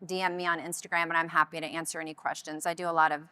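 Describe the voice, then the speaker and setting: A woman's voice: low-pitched, flat delivery, racing, bright, forceful tone, clear, resonant tone, no echo. A woman in her thirties, a guest upcycling designer, talking enthusiastically in a panel interview with frequent restarts.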